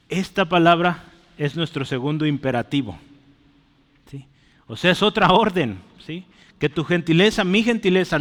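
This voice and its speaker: A man preaching a sermon, explaining words slowly as he writes them on a board and often checking in with his listeners. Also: on the high side, a bit bright. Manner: asks "¿verdad?" and "¿sí?" often. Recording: long hall reverb.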